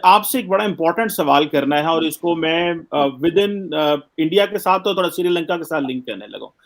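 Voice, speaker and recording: A man hosting a TV panel, asking polite, long, multi-part questions. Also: high voice. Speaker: TV anchor.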